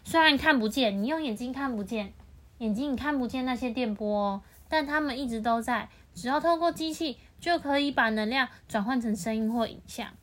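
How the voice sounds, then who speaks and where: A woman's voice: on the high side, a little fast, fairly bright tone. A woman reading a picture book aloud to a child, patiently explaining and asking the child questions.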